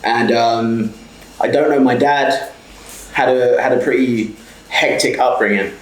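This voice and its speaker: Speaking straight to camera, a South London man in his twenties, a small business owner and mentor, delivers a blunt motivational talk packed with swearing and a repeated "okay?". His mid-range voice is steady and measured, recorded poorly in an echoey room.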